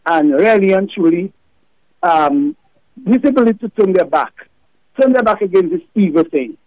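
A man's voice: high voice, animated, normal speed, darkish tone, dry recording. Fervent man in a voice message. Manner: preachy, rambling, with rising fervent emphasis. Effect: recorded voice message played on air. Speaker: listener sending a voice note to a radio show. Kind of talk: impassioned religious monologue. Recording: dull lo-fi dry voice memo.

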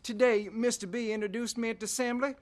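An actor playing an eager, earnest, devout teenage son with boyish, folksy exclamations in a radio drama. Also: male voice, very high-pitched, little pitch movement, quick pace. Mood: excited.

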